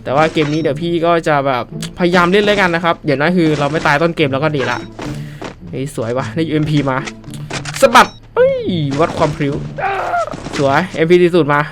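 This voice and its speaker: A young man giving loud, excitable gameplay commentary, often yelling and trash-talking his opponents. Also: fairly high pitch, fast talker. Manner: loud, excitable, shouts and trash-talks at enemies. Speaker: gaming streamer. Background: game music.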